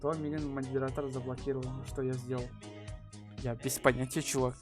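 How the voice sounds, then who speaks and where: A man's voice: mid-range voice, little pitch movement, brisk, soft background music. A young man chatting casually in slang and swearing as he streams a game. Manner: slangy, profane, laughing often. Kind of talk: casual chat over gameplay.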